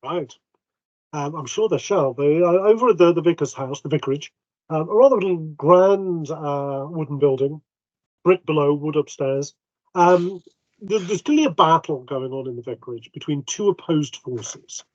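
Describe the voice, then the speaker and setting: Narrating as game master, this man has a voice on the high side with a darkish tone and normal speed. He's chatty and hesitant with plenty of ums, playing the vicar in quoted lines, recorded dry on a dull home mic.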